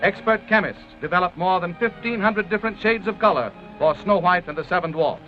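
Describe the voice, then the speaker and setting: An American man narrates a 1930s promotional film from a script, using a formal, grandiose announcer style. His voice sits high and he speaks briskly, over orchestral music on a dull vintage soundtrack.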